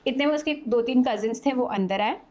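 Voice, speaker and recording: A woman's voice: a little high, brisk. A young adult woman, a podcast guest, casually telling a spooky story and acting out the people in it. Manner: animated narration, acting out quoted characters.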